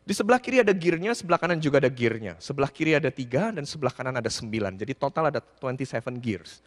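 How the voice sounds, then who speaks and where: A male pastor telling a humorous story in a sermon, animated and slipping English words into his speech. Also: medium pitch, quick pace, in a large hall.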